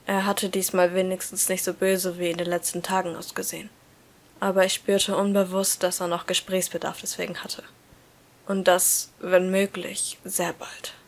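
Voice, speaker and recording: A woman reading a novel aloud in first person, in a steady, even storytelling manner. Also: on the low side, moderate pace. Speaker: story reader.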